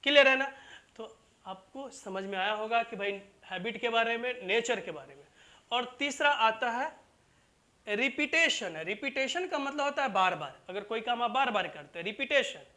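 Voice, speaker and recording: Bright-voiced teacher. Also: mid-range voice, animated, moderate pace. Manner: repetitive, keeps asking "clear?" and calls students "babu" and "bhai". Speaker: English teacher. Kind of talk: classroom grammar lesson in Hindi.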